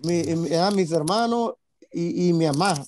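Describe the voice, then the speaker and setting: High-voiced Mexican man chatting loosely. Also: unhurried, darkish tone. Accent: Mexican Spanish. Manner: rambling, full of tag questions and fillers. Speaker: guest musician. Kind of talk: casual interview chat.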